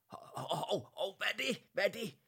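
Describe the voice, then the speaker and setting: A man voicing a skeptical, easily alarmed male teddy bear who repeats himself when excited. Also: on the high side, breathy edge, voice pushed up.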